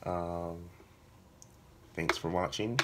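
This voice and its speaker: A man with a hoarse voice that is giving out, talking casually to viewers as a vlogger, halting and correcting himself as he thinks aloud. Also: sits low, steady tone, very noisy. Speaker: video blogger, writer. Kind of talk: casual vlog talk to viewers.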